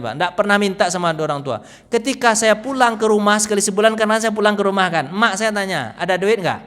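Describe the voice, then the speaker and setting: Talkative preacher in a reverberant mosque. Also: male voice, fairly bright tone. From West Sumatra. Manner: conversational, keeps asking the audience questions; acts out quoted people in lowered voices. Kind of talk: mosque study sermon. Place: mosque hall. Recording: long reverb in a mosque hall.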